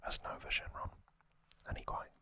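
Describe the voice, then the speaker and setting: Recapping a story, this male ASMR host speaks in a gentle, breathy whisper right up near the microphone. His delivery is unhurried and halting.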